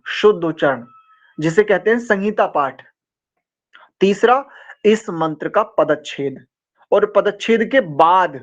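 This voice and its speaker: A man leads a scripture class in a fairly high voice, spelling out each syllable of a mantra and then chanting it in long, drawn-out tones. He speaks slowly and patiently between the chants. The recording sounds dull and lo-fi. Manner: carefully corrects pronunciation syllable by syllable. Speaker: Vedic teacher.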